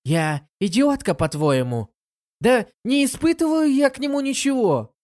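A woman's voice: sits high, sing-song, measured pace, a little mellow, voice pushed up. Reader doing flustered shy girl Murong Qiu. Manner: timid, flustered. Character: shy stubborn young girl in love.

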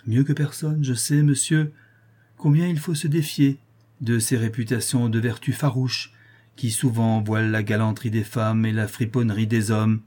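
A man's voice: medium pitch, little pitch movement, normal speed, mellow, close to an everyday voice. A man reading aloud, voicing a scheming aristocratic woman who pleads and persuades. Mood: cold. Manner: pleading then coldly threatening.

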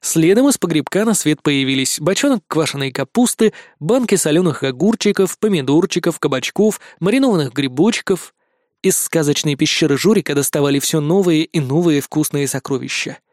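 A man reading a children's fantasy story aloud in a lively, playful narration. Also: on the high side, fairly quick, no room sound, clean studio sound. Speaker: audiobook reader.

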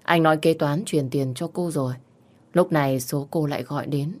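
A woman narrating a scripted romance story in a steady, even storytelling manner. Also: sits low, normal speed.

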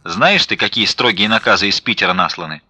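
A man's voice: on the low side, lively intonation, fairly quick, husky, no echo, exaggerated voice. A man doing a furious domineering old-style father. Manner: shouting, domineering. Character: angry stern wealthy father, middle-aged. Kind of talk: audiobook reading.

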